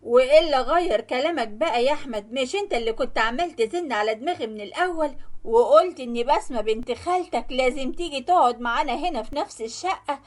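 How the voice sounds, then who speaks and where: A woman's voice: high voice, expressive, fast. A woman with an Egyptian accent voicing a middle-aged mother who scolds her son. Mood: scolding. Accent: Egyptian Arabic.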